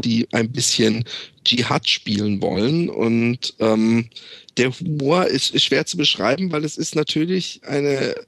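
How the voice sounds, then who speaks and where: A man's voice: mid-range voice, no room sound. A man casually recommending a film, rambling with many fillers as he retells its scenes. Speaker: film reviewer.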